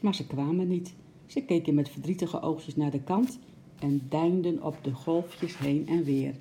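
A woman narrating a children's story aloud in a gentle, expressive way. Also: low-pitched, measured pace, slight background noise.

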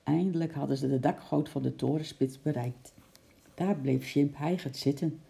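A woman calmly reading a children's story aloud as the narrator. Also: deep voice, moderate pace, creaky.

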